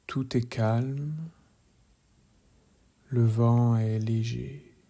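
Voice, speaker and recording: A man leading a guided relaxation meditation in a calm, measured voice, soft and hushed, often slipping into a whisper. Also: mid-range voice, creaky. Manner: calm, measured, gently instructive.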